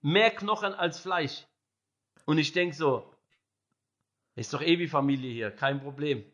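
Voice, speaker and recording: Young guy, high and bright, animated storyteller who laughs and mimics others. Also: measured pace, lo-fi sound. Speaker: podcast guest telling a story.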